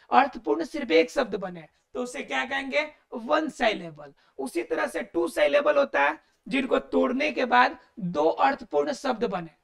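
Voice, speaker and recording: A woman with a high, gravelly voice teaches grammar. She explains step by step, asks her students rhetorical questions and checks that they are following. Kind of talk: classroom-style recorded lesson.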